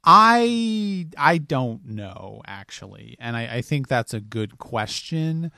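A man's voice: medium pitch, very animated, slow pace, vocal fry, pushed and bright, dry recording, studio quality. Chatty man co-hosting a podcast. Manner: plain, chatty, reads listener reviews. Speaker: podcast co-host. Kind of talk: casual podcast chat.

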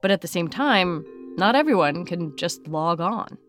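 A woman's voice: fairly low pitch, animated, a little slow, soft background music. A woman hosting a podcast, moving between scripted narration and interview questions. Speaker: podcast host.

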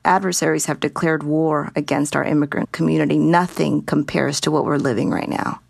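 A woman reporter explaining in a measured, earnest way on a news podcast. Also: deep voice, steady tone, vocal fry, no room sound, clean studio sound. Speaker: reporter guest.

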